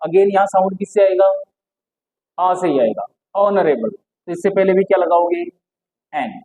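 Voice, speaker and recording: A teacher, speaking in a mellow, warm tone at a middle pitch. They keep posing a question and answering it in the same breath, then repeat the key word slowly so it sinks in. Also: lively intonation, low-quality recording. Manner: asks questions and answers them at once. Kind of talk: explanatory lesson.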